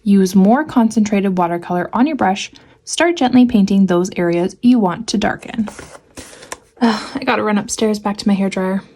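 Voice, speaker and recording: A woman's voice: medium pitch, moderate pace, warm tone. A woman hosting a casual painting tutorial in her home studio, reading out steps and breaking in with sarcastic, playful asides. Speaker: art tutorial host.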